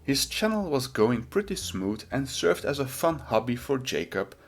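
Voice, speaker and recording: A man's voice: medium pitch, very animated, moderate pace. A man delivering scripted video essay commentary in a sardonic, mocking manner.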